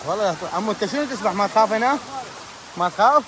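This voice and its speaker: A young man with an Iraqi Arabic accent vlogging an outdoor trip, excited and anxious, calling out warnings to friends. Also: sits high, very fast, background noise. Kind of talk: outdoor adventure vlog. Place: outdoors by a waterfall.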